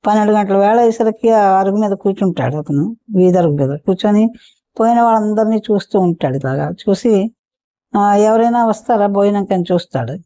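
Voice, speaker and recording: A woman's voice: medium pitch, lively intonation, fairly quick, warm tone, no room sound. A woman storyteller telling a folk tale for children in a homely, repetitive, chatty way. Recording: dull muffled recording.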